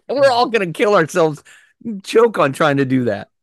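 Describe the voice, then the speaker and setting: A man's voice: high voice, sing-song, measured pace, no room sound, studio quality. A man on a video call, playfully tossing jokes and questions into a casual chat. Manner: playful, joking interjections.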